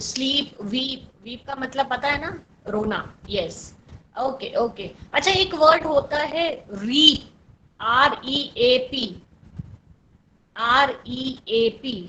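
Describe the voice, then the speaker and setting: Encouraging Indian woman teacher, high voice. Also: sharp tone, a little hiss or hum, rough recording. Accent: Indian English. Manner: patient, encouraging, repeats praise and spells words out. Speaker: school English teacher. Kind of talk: online class, mixing English and Hindi.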